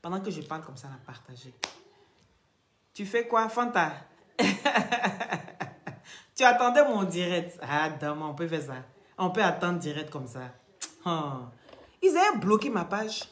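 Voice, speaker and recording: A woman's voice: on the low side, big pitch swings, a little slow, long pauses, reverberant. A woman hosting a live gossip stream, calling out viewers by name and repeating phrases. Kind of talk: Facebook live gossip commentary.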